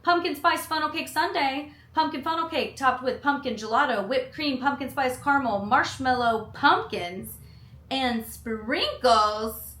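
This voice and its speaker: Woman, food vlogger, bright voice, slightly high, chatty asides, echoey room. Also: normal speed, few pauses. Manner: chatty, reads menu items aloud with personal asides. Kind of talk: casual chat reading a menu.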